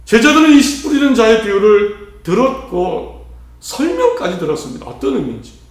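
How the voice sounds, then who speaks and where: A man's voice: high voice, wildly swooping pitch, moderate pace. A male pastor delivering an earnest sermon, asking rhetorical questions and shifting his emphasis often. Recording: heavy church reverb.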